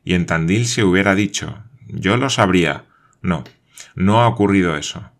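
A man's voice: sits low, normal speed. A man reading aloud voices a stubborn, insistent frontier sergeant in a storybook, talking emphatically and firmly.

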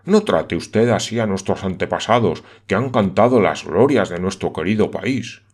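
A man's voice: deep voice, expressive, normal speed, a little mellow, husky. A man voicing a proud, poetic older uncle in an audiobook, earnest and declaiming.

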